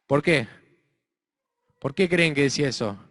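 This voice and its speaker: A man with an Argentine accent telling a story to children, expressive and asking his listeners questions. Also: a little high, a little slow. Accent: Argentine Spanish. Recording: reverberant hall.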